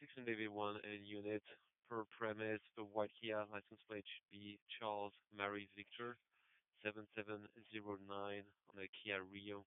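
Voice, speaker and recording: A man's voice: fairly low pitch, normal speed, clear, resonant tone, no room sound. Male police dispatcher over radio. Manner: clipped, even, procedural call codes. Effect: police radio transmission. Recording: narrow-band, dry police radio.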